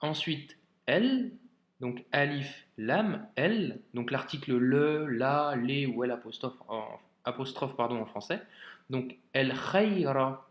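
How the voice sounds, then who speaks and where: A man's voice: medium pitch, expressive. Man, video lesson teacher, patient, informal, checks in often, echoey room. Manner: slow, patient, informal, addresses viewer as tu, checks understanding with ok. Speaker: Arabic reading teacher.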